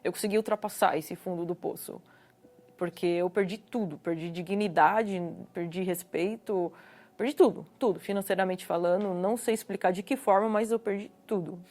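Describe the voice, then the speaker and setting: A woman's voice: medium pitch, moderate pace, darkish tone. A woman from Brazil with a Brazilian Portuguese accent, telling her personal testimony earnestly and repeating words for emphasis. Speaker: guest giving a personal testimony.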